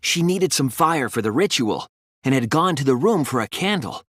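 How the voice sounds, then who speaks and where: In a focused, explanatory deductive monologue, a soft-spoken teenage boy detective from an English video game reasons through a murder case. He sounds earnest, breathy, and animated at medium pitch, moving his voice up and down while stressing his deliberate analysis dramatically. There's no room sound on this very dry track.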